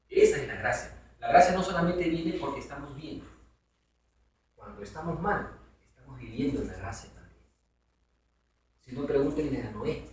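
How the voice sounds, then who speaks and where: A man's voice: a little high, a little mellow, slight background noise. A man teaching a Bible study to a congregation in a conversational way, asking his listeners questions. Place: church hall. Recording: very echoey hall from far off.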